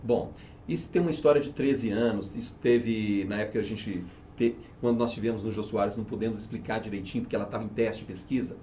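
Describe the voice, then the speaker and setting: A man's voice: fairly low pitch, fairly even intonation, fast talker, dark tone, slight background noise. A man, a company manager, explaining his teaching method in an interview, persuasive and emphatic, often answering his own rhetorical questions. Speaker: research and market manager, interview guest.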